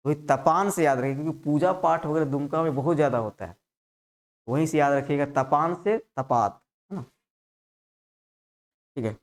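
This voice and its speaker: A man's voice: a little high, quick pace. A male teacher giving a live exam-prep class, repeating terms and coaxing students with constant checks. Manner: repetitive, coaxing, peppers lines with "hai na".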